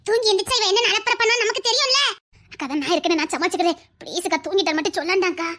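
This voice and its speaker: Chattering fast in a very high, bright voice, a woman with a Tirunelveli Tamil accent plots and schemes in a village comedy sketch.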